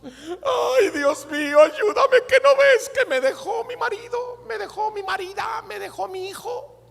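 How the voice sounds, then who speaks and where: Guy doing a shrill falsetto lady, desperate and broke, wailing and begging, big echoey hall. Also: expressive, unhurried, vocal fry, fairly bright tone, heavily acted. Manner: shrill pleading wail, high falsetto.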